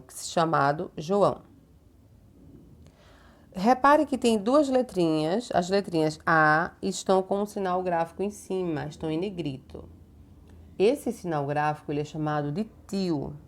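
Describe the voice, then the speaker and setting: A Brazilian woman teaching young children a homework lesson, slow, patient and didactic, stretching words out and checking in often. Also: lowish voice. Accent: Brazilian Portuguese. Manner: uses many diminutives and checking tags. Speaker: primary school teacher.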